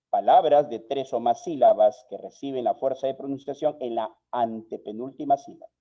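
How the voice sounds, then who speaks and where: A man with a Peruvian Spanish accent teaching a live online spelling lesson, measured and explanatory, asking viewers questions. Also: mid-range voice. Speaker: online course instructor. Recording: slightly dull lo-fi audio.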